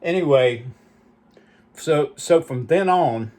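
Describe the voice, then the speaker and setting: A man's voice: on the high side, animated, slow pace, a little mellow. A man hosting his own channel, telling rambling, nostalgic stories with lots of asides. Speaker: channel host. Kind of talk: rambling reminiscing monologue.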